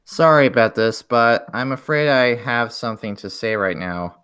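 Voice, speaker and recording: A man's voice: medium pitch, animated, moderate pace, a bit bright, clean tone. A man in a casual voice chat, speaking politely and apologetically.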